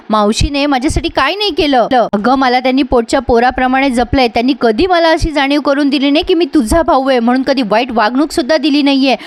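Indignant young man, scolding, high voice, dry sound, as a woman retells him. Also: no echo, close to an everyday voice. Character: angry young man rejecting his sister.

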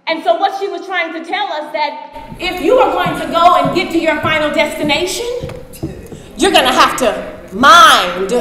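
A woman's voice: high-pitched, a bit bright, a little hiss or hum. A woman from the United States giving a motivational speech at a conference, telling a story and speaking straight to the audience. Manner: storytelling, addresses the audience directly. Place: large conference hall. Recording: echoey hall with long reverb.

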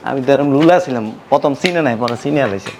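An actor playing a lazy, jobless son-in-law who answers meekly. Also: male voice, medium pitch, expressive, fast talker, background noise, natural voice. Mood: boasting.

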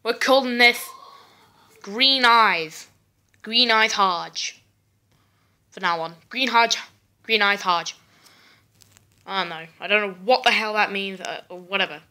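With a medium-pitched, sharp-toned voice, this woman speaks slowly and leaves long pauses. She creates gaming videos, offering brash, slangy, casual commentary with the odd curse word, her voice a bit off after a cough.

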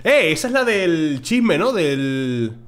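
Joking young Spanish streamer. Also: male voice, a little high, sing-song, takes it slowly. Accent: Spain. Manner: joking, crude, laughs often. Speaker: gaming streamer. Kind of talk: reading a visual novel aloud with commentary.

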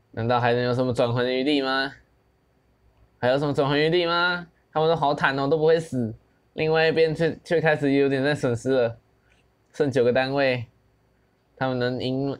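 A young man with a Taiwanese Mandarin accent giving casual, excited commentary on a battle game, mixing in English and plenty of exclamations. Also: medium pitch, smooth. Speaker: gaming channel host.

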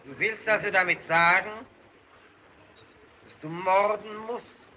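A stern crime-boss judge, high bright voice, cold and commanding. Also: male voice, slow pace, muffled recording, a little hiss or hum, heavily acted. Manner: stern, prosecuting, building to shouts. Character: cold, commanding male crime boss presiding over a trial. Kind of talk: 1930s film drama acting.

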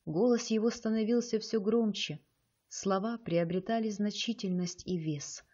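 A woman narrating an audiobook with a measured, expressive reading. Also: medium pitch, slightly rough, dull audio.

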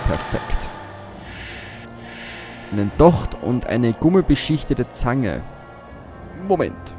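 A man's voice: mid-range voice, vocal fry. A man giving casual gameplay commentary as a let's play host, muttering to himself as he thinks aloud.

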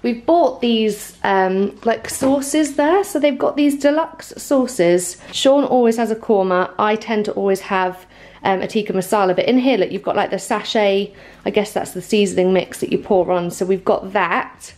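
A woman's voice: mid-range voice, moderate pace, darkish tone. A young woman from England chatting casually in a vlog about her grocery haul, upbeat and full of fillers. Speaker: vlogger showing a grocery haul. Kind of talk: casual chat.

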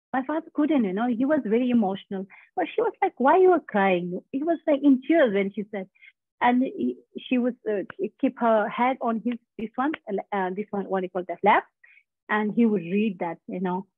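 A woman whose first language is Tibetan, a guest doctor telling personal stories slowly and haltingly, often searching for words. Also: a little high, no echo. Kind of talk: personal storytelling in a talk. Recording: husky, tinny phone-like line.

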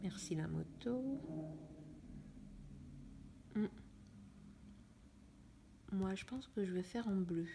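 A young woman chatting in a casual coloring vlog, musing to herself in a soft, often half-whispered voice. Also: medium pitch, lively intonation, slow, vocal fry, pauses often, noisy background. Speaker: vlogger. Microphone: phone camera.

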